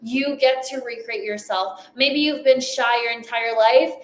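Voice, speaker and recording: A woman with a slightly high voice, a native French speaker with a light French accent, delivers an emphatic motivational speech at a summit at a measured pace. She repeats phrases for effect. The room is echoey, with a little hiss or hum.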